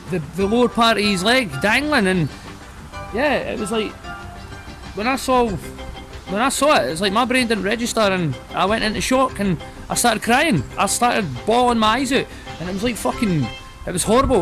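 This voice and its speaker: A man's voice: high-pitched, rough recording. Man with a broad Scottish accent. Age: 30s. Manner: sweary, colloquial storytelling. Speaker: video reviewer and vlogger. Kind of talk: casual anecdote and film chat.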